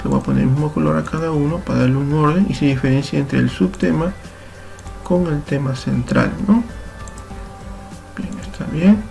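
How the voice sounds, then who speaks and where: Man, Peruvian Spanish accent, computer teacher, gravelly and mellow voice, step-by-step tutorial, faint music behind. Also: on the high side. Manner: patient, step-by-step, self-correcting. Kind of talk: screen-recorded software tutorial.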